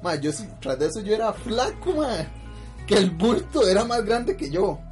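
A man with a Costa Rican accent tells a story in easy, slang-heavy chat, laughing as he goes. His voice sits a little high for a man. Soft guitar plays faintly behind him. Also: very animated, moderate pace. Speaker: podcast host telling a story. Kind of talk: casual chat.

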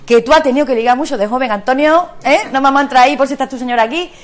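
High-voiced coaxing woman. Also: very fast, slight background noise. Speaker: guest speaker at a community talk. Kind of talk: encouraging talk to a live audience. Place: community centre room.

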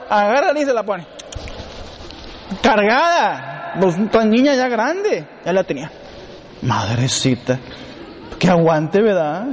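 A man, a priest giving a sermon in emphatic repeated lists, with humorous storytelling asides. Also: sits high. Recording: long hall reverb, faint background noise.

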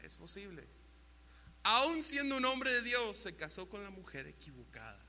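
A young man preaches with animated storytelling, breaking into shouted sound effects and imitations. His voice is high and very bright. He sounds like he is in a large hall with long reverb and a faint hum behind him. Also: normal speed, creaky. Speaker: youth pastor. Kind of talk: sermon.

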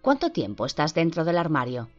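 Un interrogador sereno que indaga con suavidad, puesto por una mujer de voz baja. La grabación suena sorda y de baja fidelidad. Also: female voice, deep voice, brisk. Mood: calm. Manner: calm, gently probing questions. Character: calm, patient male interrogator. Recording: dull lo-fi with faint music.

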